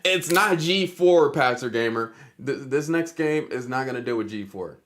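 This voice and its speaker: A man's voice: mid-range voice, expressive, normal speed, fairly bright tone, a little hiss or hum. A man, streaming a casual chess lesson, joking with his chat in a hyper way.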